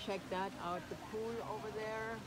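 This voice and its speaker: A woman's voice: mid-range voice, steady tone, normal speed, heavy background noise. A middle-aged woman chatting casually in an outdoor vlog, recorded on a phone at arm's length. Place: outdoors in gardens and vineyards.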